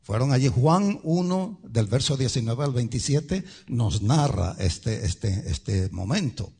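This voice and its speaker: A male pastor preaching a sermon, emphatic, swinging between loud and soft and speaking straight to the congregation. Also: mid-range voice, animated, slow, vocal fry, slightly rough. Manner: addresses the congregation directly.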